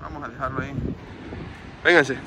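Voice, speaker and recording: Walking beside a border wall near the sea, this vlogger host, a young man with a Mexican accent, jokes and uses slang as he addresses his viewers on location. He speaks at a medium pitch with a level tone, a little fast and with vocal fry. Wind and crashing surf fill the outdoor recording.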